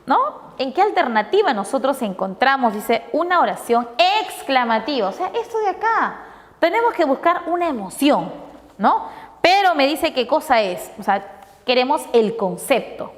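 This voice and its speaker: High, lively woman teacher going over answers. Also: moderate pace, in a large hall. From Peru. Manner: explanatory, asks and answers her own questions. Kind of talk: reviewing test answers with pupils.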